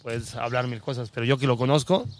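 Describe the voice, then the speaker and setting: A man, a former footballer, telling stories in an animated, laughing way during a casual chat. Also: medium pitch, brisk. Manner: animated storyteller, laughs often.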